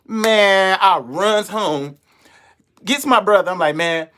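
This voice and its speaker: Man, young adult, comedian, storytelling monologue, animated, profane, acts out voices. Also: high-pitched, slow pace.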